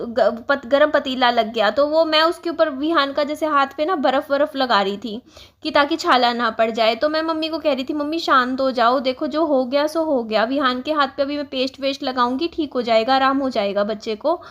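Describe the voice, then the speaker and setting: A woman's voice: sits high, a bit bright. A young woman vlogger telling a personal story in a casual, earnest way, explaining at length with many fillers.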